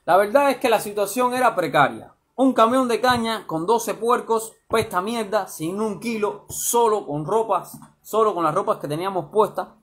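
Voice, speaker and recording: A man reading his own first-person story aloud, lively and colloquial. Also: high-pitched, normal speed, few pauses, husky.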